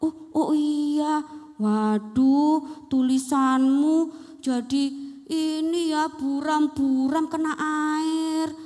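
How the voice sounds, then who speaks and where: A woman voicing a male schoolteacher who questions his pupils in a firm but gentle way. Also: high voice, fairly even intonation, extremely slow, in a large hall, soft background music, voice pushed up. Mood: questioning. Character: male schoolteacher, stern then kind.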